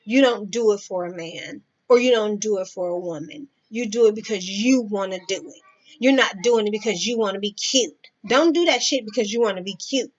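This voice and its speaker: A woman's voice: mid-range voice, normal speed. A woman giving blunt, profane advice in a casual vlog, talking straight to the viewer. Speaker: vlogger. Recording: dull lo-fi sound.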